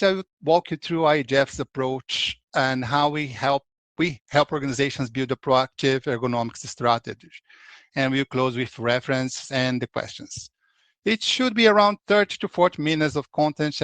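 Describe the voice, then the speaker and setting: A Brazilian man in his forties, speaking with a Brazilian accent, presents a webinar as a consultant in a conversational style, restarting his sentences often. His voice is medium-pitched and fairly bright, with no room sound.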